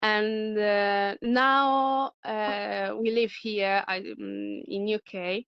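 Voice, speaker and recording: Halting middle-aged woman, slow. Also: mid-range voice, fairly even intonation, vocal fry, clean tone, no room sound. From Italy. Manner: halting, searching for words, many fillers. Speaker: speaker sharing personal experience. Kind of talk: personal testimony at a talk. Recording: dull lo-fi recording.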